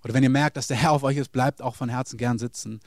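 A man's voice: mid-range voice, steady tone, fast, dry recording. Earnest male preacher, dry sound. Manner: earnest, direct address to listeners. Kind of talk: sermon.

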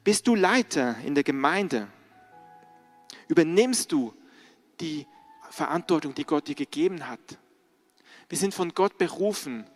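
A middle-aged man preaching a sermon as pastor, earnestly putting direct questions to the congregation. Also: on the high side.

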